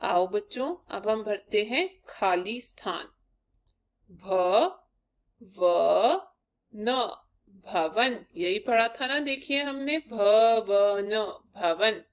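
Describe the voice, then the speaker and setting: A woman's voice: mid-range voice, lively intonation, drawn-out words. A woman teacher giving a primary-school lesson, sounding out letters one at a time for young children.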